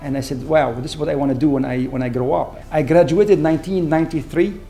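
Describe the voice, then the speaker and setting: Man, higher voice. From Syria. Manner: earnest, measured, grateful. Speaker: award-winning trauma surgeon. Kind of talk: reflective interview. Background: soft background music.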